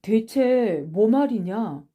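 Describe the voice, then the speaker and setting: A woman's voice: on the high side, measured pace, dark tone, close to an everyday voice. A woman voicing a defiant, poor schoolboy who answers in curt, stubborn retorts in an audiobook reading. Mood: indignant.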